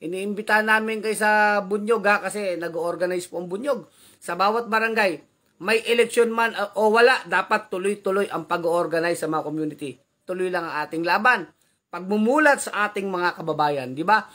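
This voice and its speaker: A man's voice: high voice, normal speed, pushed and bright. A man hosting a casual live commentary vlog, reading out viewer comments with chatty, teasing asides, frequent tag questions and easy chuckles.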